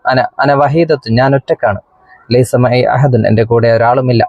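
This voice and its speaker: A man's voice: mid-range voice, normal speed, no echo, dull audio, close to an everyday voice. A man with a Kerala accent reading the lines of a lonely teenage girl in his own plain voice.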